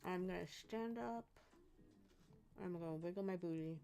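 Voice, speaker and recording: At her home craft desk, a woman with a fairly low, gravelly, mellow voice hosts a casual livestream at normal speed, faint music behind her. She's chatty and playful, sometimes talking while she eats.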